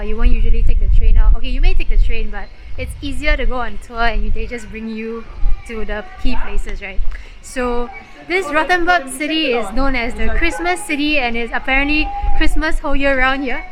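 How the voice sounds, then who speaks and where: A woman's voice: fairly high pitch, poor audio. A woman narrating a casual travel vlog outdoors, chatty and explanatory with lots of filler words like "so" and "like". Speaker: travel vlogger.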